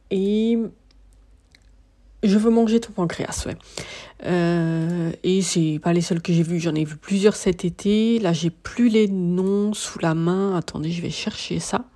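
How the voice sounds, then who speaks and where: Speaking slowly in a mellow, fairly low voice with mostly even intonation, a tired woman runs a casual solo podcast. Exhaustion shows in her hesitant talk, which keeps restarting and filling gaps with ums and uhs.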